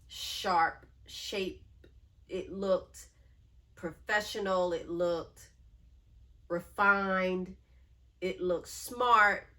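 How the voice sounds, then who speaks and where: A woman's voice: fairly low pitch, fairly bright tone. A woman vlogger with a nasal voice chatting casually to camera, drawing out words for emphasis. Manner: chatty, drawn-out emphasis, affectionate. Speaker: handbag collection vlogger.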